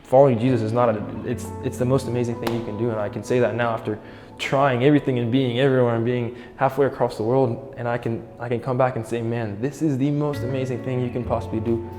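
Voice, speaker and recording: A man's voice: mid-range voice, little pitch movement, fast. A man in his twenties from Egypt, sharing his faith testimony in an earnest, reflective way. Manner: earnest and reflective, quotes his own inner thoughts. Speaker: church member sharing testimony. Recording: long reverb with soft guitar music.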